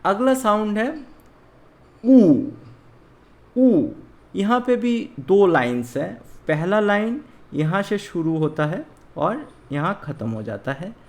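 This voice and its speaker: A language teacher from India leads a beginner lesson at an unhurried, deliberate pace. The pitch rises and falls in a lively, animated way while they explain step by step and count out the writing strokes aloud.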